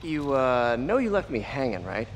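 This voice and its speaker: A man's voice: mid-range voice, big pitch swings, a little hiss or hum. Spider-Man, a joking young superhero. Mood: quippy. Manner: joking, chatty, quick banter. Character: wisecracking young male superhero. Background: game music.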